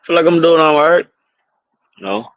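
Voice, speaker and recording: A man's voice: fairly high pitch, expressive, unhurried, no echo. A man chatting casually and plainly as a dating show contestant, over dull call audio. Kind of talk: casual chat.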